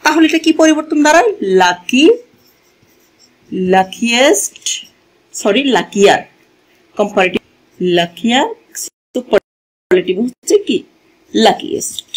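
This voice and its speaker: A woman teacher with a Bangladeshi accent speaks in a slightly high voice. She talks at a very slow, deliberate pace, putting questions to the class and answering them herself. She slips English grammar terms into her explanations. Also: animated, rough recording. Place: classroom at a board.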